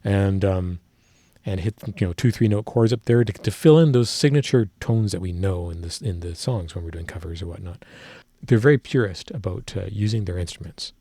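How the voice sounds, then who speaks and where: Male musician reacting to a track, husky and lowish, dry close sound, rambling, technical, self-correcting. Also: moderate pace, warm tone, no echo. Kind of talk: casual music analysis.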